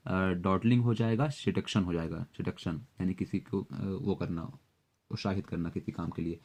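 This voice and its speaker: A man teaching exam vocabulary, explaining words and memory tricks at a steady pace with frequent fillers. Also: on the low side. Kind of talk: Hindi-English vocabulary lesson with memory tricks.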